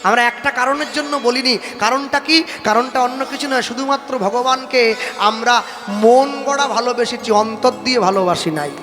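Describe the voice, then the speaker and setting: A man's voice: very high-pitched, moderate pace. A man preaching a devotional sermon in an impassioned, sing-song manner, breaking into chanted verses. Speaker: kirtan preacher. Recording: echoey hall, faint music behind.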